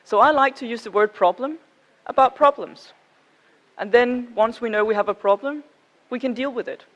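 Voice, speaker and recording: Speaking at a conference, this woman from Denmark has a Danish accent and a relaxed, measured delivery, pausing to check in with listeners. Her voice is a little high, and the audio sounds dull.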